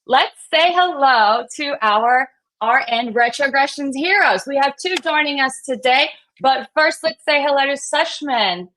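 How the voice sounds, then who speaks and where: A woman's voice: high voice, animated, unhurried, pushed and bright. Upbeat woman hosting a live stream. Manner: upbeat, welcoming. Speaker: host.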